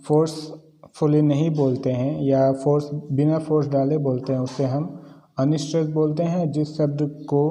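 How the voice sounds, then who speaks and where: A man teaching English poetry in Hindi, reading English definitions slowly with an Indian accent and then explaining them. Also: a little high, dark tone, big-room sound, poor audio.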